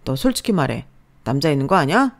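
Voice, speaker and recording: A woman's voice: low voice, big pitch swings, brisk, creaky, pitched below the performer's own voice, heavily acted. A woman plays a cold, domineering husband in a spoken story, blunt and dismissive. The voice stays close to her own, with only a slight drop.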